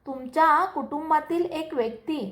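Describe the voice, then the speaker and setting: A woman voicing Abhay, a calm, secretive man in a read-aloud story, giving short, measured replies. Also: high voice, lightly acted.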